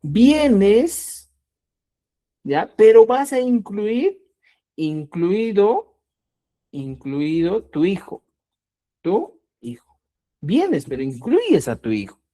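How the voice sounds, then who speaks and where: A woman teaching Quechua grammar in a lesson, speaking slowly and deliberately, repeating key words and often checking that listeners follow. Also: medium pitch, sing-song, dark tone. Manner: addresses listeners as "estimados amigos". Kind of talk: explanatory online language lesson.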